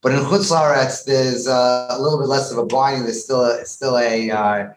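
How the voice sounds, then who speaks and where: A rabbi, appearing as a guest on a podcast, gives a long conversational explanation in a medium-pitched, fairly even voice at a moderate pace. He is emphatic, often restarts his sentences, and repeats words, with music beneath him in an echoey room with faint background noise.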